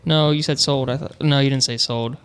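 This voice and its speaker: A man's voice: medium pitch, steady tone, brisk, smooth. A man co-hosting a podcast, grumbling and poking fun at himself in casual chat. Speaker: podcast co-host.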